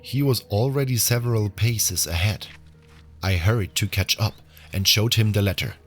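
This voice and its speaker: A man playing a newly arrived, wary prison inmate who narrates his own story in a measured audio drama style. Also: on the low side, lightly acted. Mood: measured, reflective. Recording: music under the voice.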